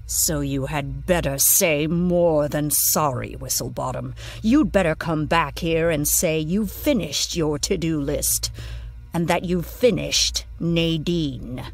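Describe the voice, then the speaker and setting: A woman's voice: low-pitched, takes it slowly, creaky, soft background music, full character voice. A woman voicing a stern, disgusted male demon boss who lectures coldly in a scripted audio story. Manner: cold, scornful lecturing. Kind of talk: scripted audio drama narration.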